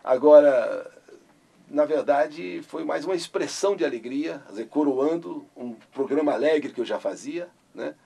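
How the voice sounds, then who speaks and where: An older man from Brazil, a radio host. His voice is gravelly and husky and sits a little high for a man. He tells his story with animated bursts. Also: normal speed. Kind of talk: interview recollection.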